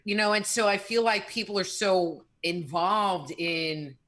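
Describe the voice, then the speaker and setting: A woman's voice: mid-range voice, fairly even intonation, a little slow, fairly bright tone. A woman co-hosting live radio in casual chat, talking in a reflective, rambling way with frequent restarts. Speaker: radio show co-host.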